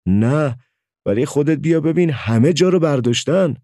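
A man's voice: on the high side, animated, dark tone, dry recording, studio quality, pitched above the performer's own voice. A man reading a story aloud and voicing an anxious village mother, with an urgent, exclaiming manner. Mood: alarmed. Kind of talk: audiobook character voice.

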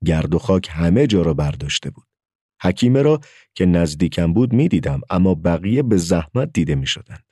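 A man's voice: low voice, very animated, mellow, no echo, studio quality. A man narrating a story as an audiobook, telling it expressively.

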